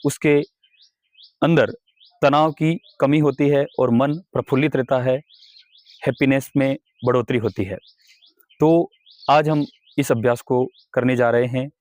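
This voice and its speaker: A man leading a guided breathing meditation as yoga instructor, speaking slowly and calmly with step-by-step instructions. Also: medium pitch, no echo. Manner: slow, calm, instructive.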